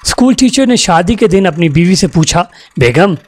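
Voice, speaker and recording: Male joke reader, fairly high voice, bouncy delivery, chuckles. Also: lively intonation, normal speed, noisy background. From Pakistan. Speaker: joke teller. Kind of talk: reading jokes aloud.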